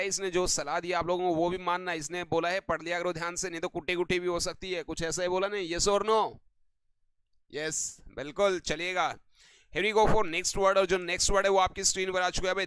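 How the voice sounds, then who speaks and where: A man's voice: high voice, fairly bright tone, smooth, no echo. A man teaching English vocabulary in an online lesson, often repeating stock affirmations and tossing questions to the viewers.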